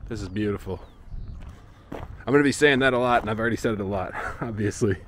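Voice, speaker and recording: Holding an action camera at arm's length, a thirty-something man walks beside a lake and parking lot, talking casually for his travel vlog with plenty of fillers. He speaks quickly in a lowish voice, and there is slight hiss or hum.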